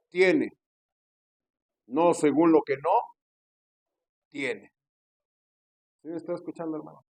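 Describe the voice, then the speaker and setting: A man's voice: a little high, mellow, dry recording. A man preaching a sermon, often asking the congregation whether they are listening. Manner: preaching with frequent call-outs to the congregation; acts out quoted pastors with pushy raised voice. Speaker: pastor.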